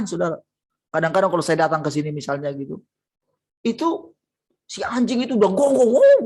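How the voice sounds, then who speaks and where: A pastor preaching a sermon over a video call, telling stories in a lively way and often turning to the listeners. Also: mid-range voice, slightly rough. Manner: lively, storytelling, addresses listeners as saudara.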